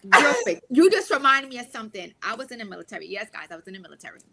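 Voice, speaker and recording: A woman in her forties speaks with a Brooklyn Caribbean accent with a Guyanese touch. Her pitch swings widely and her tone is bright and somewhat husky. She tells stories animatedly and acts out what others said. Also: racing. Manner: animated storyteller, acts out quotes. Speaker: panelist. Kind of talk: casual panel discussion.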